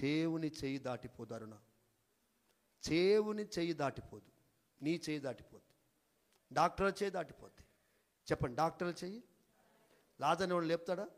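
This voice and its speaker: A man preaching a church sermon as pastor, in call-and-response style, swinging from quiet talk to shouted peaks. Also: fairly high pitch, lively intonation, moderate pace, pauses often. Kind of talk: Pentecostal sermon. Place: large church hall. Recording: long church hall reverb.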